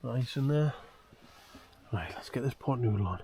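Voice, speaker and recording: Man, average pitch, casual solo vlog chat, muttering while busy, noisy open-air recording. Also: animated, moderate pace, dark tone. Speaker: solo camping vlogger. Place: outdoors on a freezing hilltop at night. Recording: noisy outdoor handheld camera recording.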